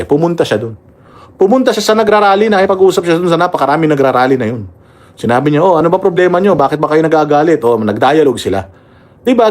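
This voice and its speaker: A man's voice: on the high side, darkish tone. A man with a Filipino accent hosting casual political commentary, heated and mocking, swearing often and reading viewer comments aloud.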